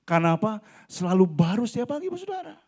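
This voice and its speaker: Guy in his 40s preaching in church, lively, keeps talking right to the crowd, voice a bit high. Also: very fast. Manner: animated preaching, often addresses the congregation directly. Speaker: pastor. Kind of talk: sermon. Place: church hall.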